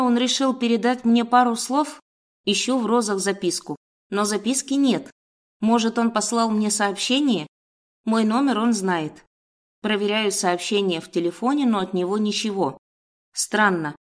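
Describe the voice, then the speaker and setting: Woman narrating a first-person story. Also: mid-range voice. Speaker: audiobook narrator.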